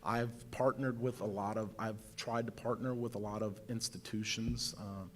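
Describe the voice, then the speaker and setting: A man with a lowish voice speaks at a moderate pace with fairly even intonation, a little hiss or hum behind him. He's a panelist at a public discussion sharing lived experience, talking earnestly, often repeating words and ending points with "right?".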